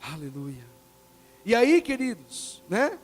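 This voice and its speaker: High-voiced, animated preacher man. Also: slow pace, faint music behind. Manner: animated preaching, acting out quoted dialogue, swinging between loud and soft. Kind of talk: sermon.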